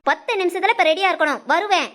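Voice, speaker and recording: A woman voicing a fussy village mother hurrying her daughter in an animated family story, with a southern Tamil Nadu accent and a scolding, nagging manner. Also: extremely high pitch, fast talker. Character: fussing village mother of the bride.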